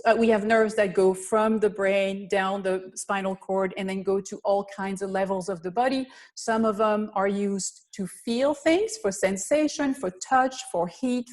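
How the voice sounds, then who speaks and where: A woman with a Belgian accent talks through her background as a guest presenter. She explains in an earnest, teacherly way, with slightly non-native phrasing. She sounds as if she is on a video call, and her voice sits in a middle pitch. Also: a little mellow. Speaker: guest presenter, physical therapist. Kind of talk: webinar talk and explanation.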